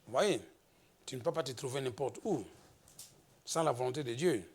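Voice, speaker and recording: A man from the Democratic Republic of the Congo preaching a slow, emphatic sermon as pastor, rising into exhortations. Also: mid-range voice, lively intonation, slightly rough.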